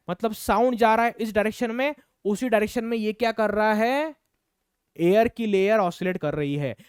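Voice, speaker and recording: A man's voice: sits high, clear, resonant tone, no echo, clean studio sound. A man teaching a physics class online, asking and answering his own questions and repeating key points. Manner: counts out rhythms aloud.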